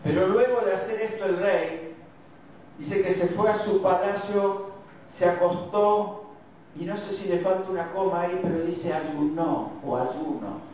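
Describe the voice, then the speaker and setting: A man's voice: high-pitched, a little mellow. A man with an Argentine accent preaching and reading scripture, musing aloud and correcting himself. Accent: Argentine Spanish. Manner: slow, reflective, muses aloud and self-corrects. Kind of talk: sermon with Bible reading. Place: church hall. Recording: very echoey church, distant mic, faint hiss.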